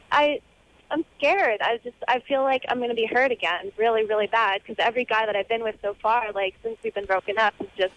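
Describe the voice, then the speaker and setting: A woman's voice: fairly high pitch, normal speed, fairly bright tone, no echo. A woman of twenty-one confiding casually as a caller to a radio show over the telephone. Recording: dull telephone line.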